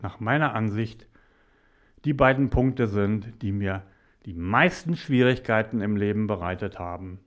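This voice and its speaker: A man who works as a mediator and coach gives a motivational talk to the viewer. He speaks deliberately and drops to whispers for emphasis. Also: on the low side.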